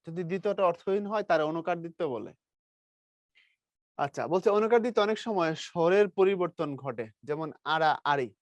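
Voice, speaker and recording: Lively, teasing teacher. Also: male voice, sits high, no room sound. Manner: lively, teasing, quizzes students. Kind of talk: classroom grammar lesson.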